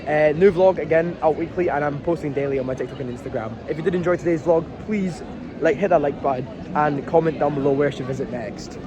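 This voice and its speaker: A fast-talking young man from Scotland, voice on the high side, vlogs his day trip in a loose, rambling chat with the odd swear word. He's outside in a windy coastal town and on city streets, and his phone recording picks up lots of noise.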